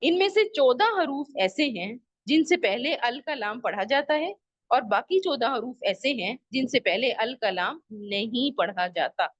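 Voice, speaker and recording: A woman's voice: fairly high pitch, lively intonation, a little slow, dry recording, lo-fi sound. A woman teacher giving an online lesson to children, patiently repeating rules and examples and asking the class questions. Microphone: video call microphone.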